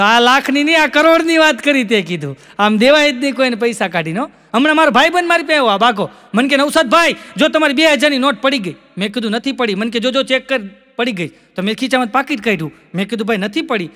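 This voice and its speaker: Gujarati comic guy telling jokes, really high voice, long hall echo behind him. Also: animated, fast, bright, forceful tone. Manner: acts out both sides of each joke, often repeating lines for effect. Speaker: stand-up comic. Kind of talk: folksy comic storytelling.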